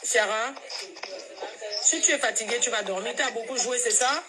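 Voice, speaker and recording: A woman's voice: on the high side, music in the background. A woman from Cameroon, a mother coaxing her child on a speakerphone call. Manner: coaxing, patient with her child, then hurried and loud. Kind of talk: casual phone call vlog. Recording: crowd chatter behind.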